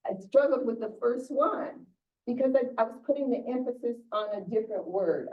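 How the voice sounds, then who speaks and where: Older woman, pastor, chatty sermon, stumbling restarts, heard from far off, dull muffled sound. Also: mid-range voice. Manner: conversational, many restarts and repeated words. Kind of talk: informal sermon talk. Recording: distant muffled church recording.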